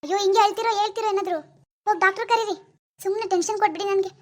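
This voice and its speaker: A young village mother voiced by a woman pleads in a very high voice. She keeps asking frantic questions, in a homemade village drama. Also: very fast. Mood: anxious.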